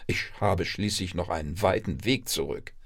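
A man's voice: moderate pace, vocal fry, fairly bright tone, husky, full character voice. A man voicing a chirpy, boastful female town mouse in a piping voice. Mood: huffy. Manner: squeaky, piping.

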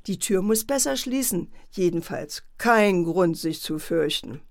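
A woman voicing a caring but stern mother in a children's story, brisk and scolding. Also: fairly low pitch, expressive. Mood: explaining.

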